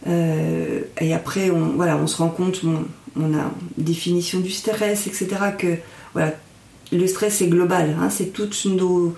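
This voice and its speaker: A woman's voice: lowish voice, little pitch movement, vocal fry, dark tone. Echoey, distant woman explaining reflectively. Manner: reflective, halting, searching for words. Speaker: mindfulness instructor and guest. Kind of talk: explanatory conversational interview. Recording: echoey room, distant from microphone.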